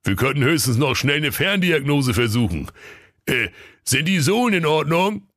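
A man's voice: a little high, big pitch swings, moderate pace, a bit bright, no room sound, studio quality, pitched above the performer's own voice. A man doing a sarcastic, cackling hotline brother. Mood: mocking. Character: mocking lazy male fairy-tale brother on a hotline.

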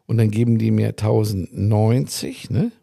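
A man with a rough, gravelly voice and some breath in it tells a story in a casual podcast chat. He is recorded close and dry, swears freely and acts out the other people in his story. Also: fairly low pitch, a little slow, warm tone, no room sound. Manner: acts out dialogue in his anecdotes. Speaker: podcast co-host.

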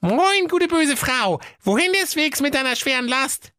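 A man plays a cheerful, rude little female pig in a comic storybook. The falsetto is bright and sing-song and drawn out slowly. The sound is dry and close. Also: animated, no echo, heavily acted. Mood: cheeky.

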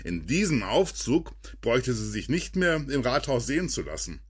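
A man reading a scripted podcast story as narrator, in a lively storytelling manner. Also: moderate pace, breathy edge. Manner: lively storytelling read with dramatic drops in pitch.

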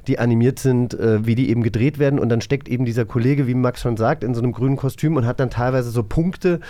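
A man with a medium-pitched, dark voice talks fast as he hosts a casual podcast. As host and quizmaster, he chats and rambles while explaining things and asking questions, in the style of casual radio play podcast talk.

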